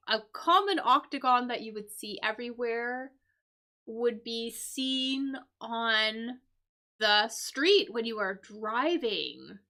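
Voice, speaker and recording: A woman hosting a live-stream English lesson, explaining crossword clues slowly with many fillers and repeated "right?". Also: a little high, pushed and bright. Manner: slow, repetitive explaining with frequent fillers and "right?".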